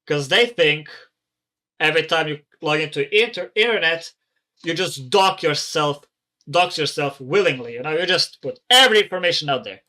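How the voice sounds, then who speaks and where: Bright-voiced male reaction host. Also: a little high, expressive, moderate pace. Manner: rambling, swears, chatty. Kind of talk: casual reaction commentary.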